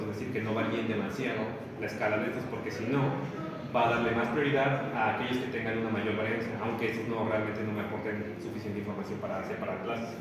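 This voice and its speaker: A man's voice: lowish voice, recorded from a distance. A man teaching a class, explaining an assignment step by step and working through examples. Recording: echoey room, voice from afar, background noise.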